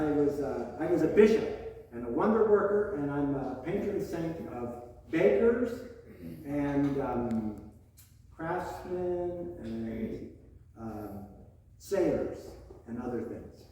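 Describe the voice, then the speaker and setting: A man telling a joking first-person saint story at a parish party quiz, halting and rambling with many fillers and restarts. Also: fairly high pitch, animated, warm tone, slight background noise. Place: large echoey parish hall. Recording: echoey hall, voice from far off.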